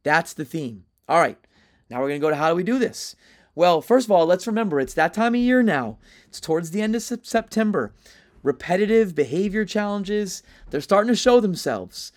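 A man with a slightly higher voice gives an instructional talk to other teachers. He keeps it conversational, tosses in "right?" to check in, and often restarts his sentences. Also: animated, a little fast.

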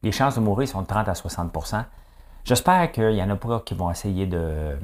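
Quebecois guy in his middle years rambling on the news, lowish voice, lots of jokes and "hein?". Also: expressive, normal speed, darkish tone. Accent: Québécois French. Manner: jokey, rambling, tags lines with "hein?". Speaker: commentator. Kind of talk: casual opinion monologue.

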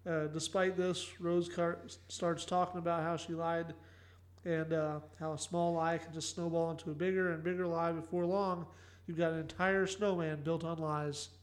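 A man's voice: a little high, level tone, moderate pace. A man casually recapping a sitcom episode for a podcast, filling his summaries with "uh" and "kinda". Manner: summarizes plot with many fillers and "kinda". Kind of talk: casual chat.

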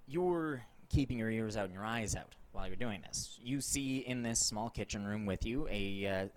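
Low-voiced man running a tabletop game. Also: normal speed. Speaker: game master. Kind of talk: improvised tabletop game narration and rulings.

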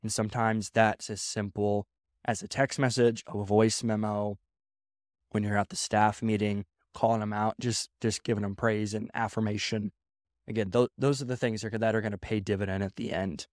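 A man's voice: on the low side, flat delivery, normal speed, no room sound, studio quality. A man speaking as a pastor, giving a casual sermon-style talk on leadership, repeating phrases and acting out quoted voices.

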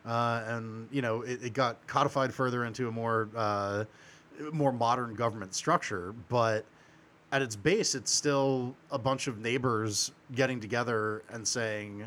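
A man co-hosting a podcast, explaining ideas at length with halting restarts. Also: medium pitch, fairly even intonation, a bit bright. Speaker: podcast co-host. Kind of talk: casual chat. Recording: faint background noise.

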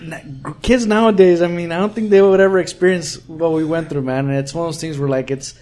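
A man's voice: on the high side, a little fast, darkish tone. A man interviewing restaurant owners in a casual, rambling way, with many restarts, in a small restaurant.

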